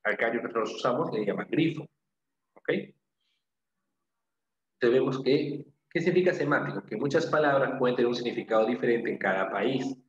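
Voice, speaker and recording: A man from Peru teaches a language class as a classroom lecture, speaking fairly quickly in a mid-range voice with a Peruvian Spanish accent. He explains step by step, repeats key phrases, and keeps checking understanding with "¿no?" and "¿ok?". The sound is reverberant, with the highs cut off.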